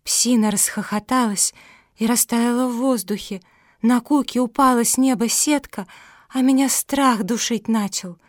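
A woman narrating a children's audiobook with expressive storytelling. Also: a little high, moderate pace, dry recording, studio quality.

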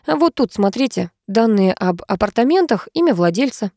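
A methodical male investigator presses with questions and lays out his findings, as a woman reads him. The voice is mellow and the sound close and dry. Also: medium pitch, sing-song, normal speed, no room sound. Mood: probing.

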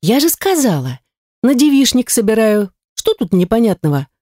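A woman's voice: fairly high pitch, big pitch swings, normal speed, darkish tone, no room sound, clean studio sound, voice pushed up. A woman voicing a sassy young heroine who fires back with cheeky, indignant retorts. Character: sassy young heroine, quick-tongued and defiant.

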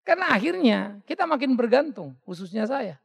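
Male pastor, high and gravelly, very animated sermon delivery with acted-out quotes, long church-hall reverb. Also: brisk. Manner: animated, joking, acts out quoted voices.

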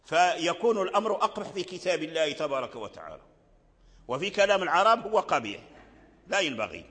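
An older man teaching recitation rules in a lesson, speaking slowly, repeating phrases and chanting short verses. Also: a little high, big pitch swings, fairly bright tone. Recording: long hall reverb.

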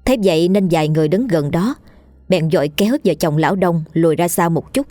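A woman narrating a horror story in a steady storytelling manner. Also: lowish voice, brisk, dry recording, soft background music.

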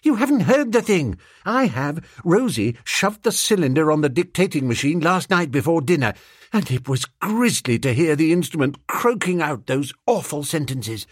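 A male audiobook reader voicing a flustered, excitable young gentleman who speaks in a high, breathless, quivering plea. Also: normal speed, slightly rough, no echo, studio quality. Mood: aggrieved.

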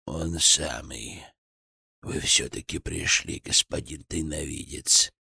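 A man voicing a menacing old male ghost sorcerer in an audiobook, speaking slowly in a hollow, cracked, triumphant voice. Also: steady tone, vocal fry, bright, forceful tone, slightly rough, dry recording, full character voice. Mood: sinister. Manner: slow, low, triumphant menace. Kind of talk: audiobook character voice.

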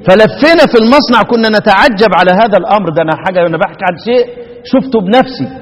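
A man with an Egyptian accent teaching Quran recitation, often asking his students questions and chanting the verses slowly. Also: high-pitched, expressive. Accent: Egyptian Arabic. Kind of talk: lesson explaining recitation variants. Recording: echoey room with long reverb.

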